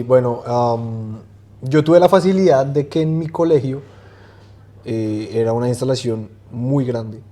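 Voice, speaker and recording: Guy, 20s, mellow tone, easygoing interview guest with lots of "em"s. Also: medium pitch. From Colombia. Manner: relaxed, hesitant, many fillers and restarts. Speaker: guest swimmer. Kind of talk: casual interview chat.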